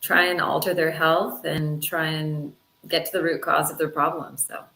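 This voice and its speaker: A woman's voice: sits low, little pitch movement, moderate pace, creaky, pushed and bright, reverberant. A middle-aged woman from Canada, a physician being interviewed, speaking in an earnest, upbeat way. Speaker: physician guest. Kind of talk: interview answers.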